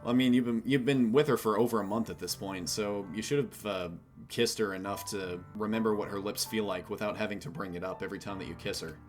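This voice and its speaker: A man's voice: fairly low pitch, fairly even intonation, quick pace, faint music behind. A man hosting a gaming channel, reading a game mod aloud and breaking in with wry, joking asides.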